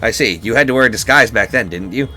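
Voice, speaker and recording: A man's voice: mid-range voice, quick pace, sharp tone, faint music behind, lightly acted. A man reading out an earnest young hero.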